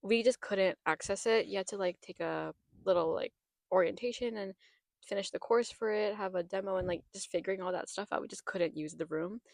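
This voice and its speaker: Young woman rambling on her podcast, creaky voice, dry close mic. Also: mid-range voice, brisk, no room sound. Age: young adult. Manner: chatty, rambling with restarts and trailing thoughts. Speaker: podcast host. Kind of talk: casual chat.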